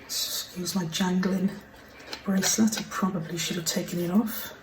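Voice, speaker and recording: A woman with a lowish, steady voice at normal speed chats through a relaxed crafting tutorial from her home desk, apologizing often and sometimes sinking to a half-whisper. The mic is far off in a roomy space, with background noise and kitchen clatter.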